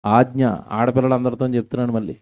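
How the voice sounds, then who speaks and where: A man's voice: medium pitch, little pitch movement, fast, a little mellow, muffled recording. A man preaching a live-recorded church sermon, asking the congregation questions and reading scripture with emphasis. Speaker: pastor. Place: church hall.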